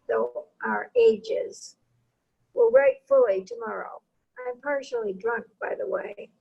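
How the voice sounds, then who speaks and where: A woman in a class reading a novel aloud slowly and carefully, with a gravelly, breathy voice. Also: fairly high pitch, mellow, low-quality recording.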